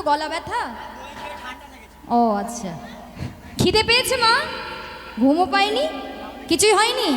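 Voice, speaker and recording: A woman kirtan singer, preaching to a devotional gathering and coaxing the audience with teasing questions. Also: very high voice. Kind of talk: devotional sermon and chanting. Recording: echoey hall with loud music.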